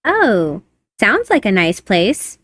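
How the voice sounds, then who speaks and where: A man's voice: high-pitched, huge pitch swings, slow, bright, forceful tone, no room sound, studio quality, pitched above the performer's own voice, heavily acted. A man voicing a naive, cheerful young woman who is a fairy magician, in a storybook reading. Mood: curious. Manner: bubbly, innocent questions.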